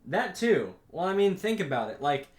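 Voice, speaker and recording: A man's voice: high-pitched, very animated. Rambling man in an echoey room. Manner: rambling, lots of restarts and swearing; acts out characters' lines in quick asides. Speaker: podcast co-host. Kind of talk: casual podcast chat about anime. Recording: roomy echo.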